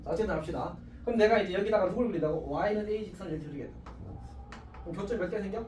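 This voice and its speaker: A male high school math teacher giving a casual classroom lecture, chatty and self-mocking, always checking with the class. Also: fast, a little mellow. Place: classroom with students. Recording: echoey classroom, distant mic, faint hiss.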